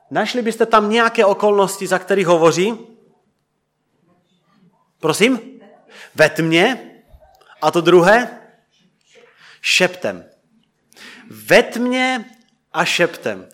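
Guy preaching, slightly high voice, asks the congregation stuff, drops quiet at line ends. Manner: questions the congregation, trails off soft and quiet. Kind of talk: interactive sermon.

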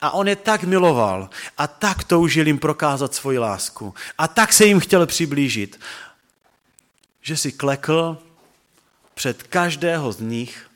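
A man preaching a sermon and reading scripture aloud, earnest and reverent, slowing and dropping low on key words. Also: sing-song, a bit bright. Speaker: pastor.

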